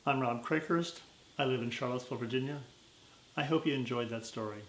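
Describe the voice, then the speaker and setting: An American man telling a story in verse as a dramatic, deliberate and strongly emphatic recitation. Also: medium pitch, fairly bright tone, reverberant, a little hiss or hum, poor audio. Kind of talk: dramatic recitation of a cowboy poem.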